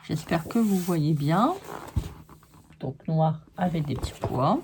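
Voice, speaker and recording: A woman's voice: low-pitched, expressive, takes it slowly, a little mellow, a little hiss or hum. A woman casually showing scrapbooking papers to viewers, chatting and giving frank opinions on each sheet. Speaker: scrapbooking vlogger. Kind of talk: casual show-and-tell of paper pads.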